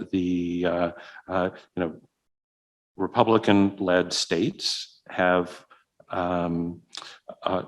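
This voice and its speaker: A man's voice: sits low, a bit bright. A man giving a conference keynote and answering questions, speaking hesitantly with many fillers and restarts. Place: conference hall.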